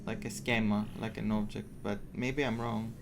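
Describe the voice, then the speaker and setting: A man with a fairly low, creaky voice and little pitch movement comments casually on a game at a moderate pace, with game music and background noise behind him. A native Greek speaker and streamer, he reacts aloud and explains words as he reads them.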